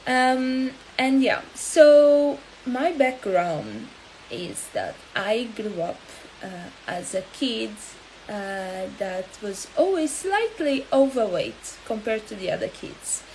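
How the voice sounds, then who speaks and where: Slow, halting woman. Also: a little high, sing-song, a little mellow, slight background noise, rough recording. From Angola. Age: 30s. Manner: halting and hesitant, with many pauses. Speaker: health coach. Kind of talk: live-stream talk.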